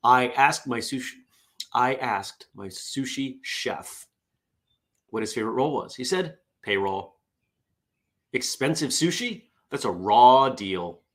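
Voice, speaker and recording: A middle-aged man hosts a casual morning show, chatting and reading out corny puns with self-deprecating humor. His mid-range voice is animated and a bit bright, and he speaks slowly.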